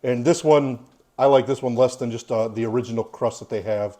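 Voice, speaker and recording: A man's voice: medium pitch, brisk, dark tone. A man in his forties giving a casual, plain-spoken food review with his child. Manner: easygoing, plain-spoken, opinionated.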